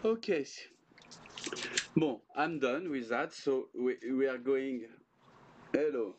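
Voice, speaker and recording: An older man, a native French speaker, talking in halting, jokey English with a French accent on a casual livestream. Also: mid-range voice, dull audio. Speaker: guest dad on a livestream. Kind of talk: casual livestream chat while scratching lottery tickets. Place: small indoor room. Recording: clearly noisy livestream room sound.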